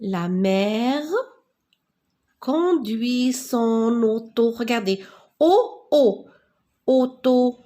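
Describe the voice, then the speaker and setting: A woman teaches a beginners' reading lesson, speaking with unusual slowness. Her voice sits a little high, and she spells out sounds letter by letter, then repeats each word patiently. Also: dark tone. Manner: slow, clearly spelled-out words, repeats for learners. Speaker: French teacher. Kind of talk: slow classroom reading lesson.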